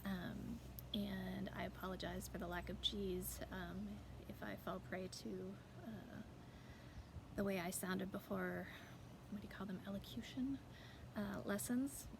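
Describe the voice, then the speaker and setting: A woman's voice: mid-range voice, steady tone, measured pace. A woman chatting casually to viewers, over-enunciating her words to keep the mountain twang in check. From rural mountains of the United States. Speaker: author and host. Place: outdoors in a backyard. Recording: clear outdoor background noise.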